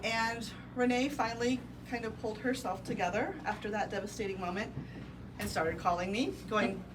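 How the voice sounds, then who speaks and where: Speaking to a crowd at a ribbon-cutting held in an office event space, this Midwestern American woman, who owns a real estate brokerage, recounts something from her own life. She often pauses with ums, her pitch sits in the middle range, and she is picked up from far off amid the indoor noise.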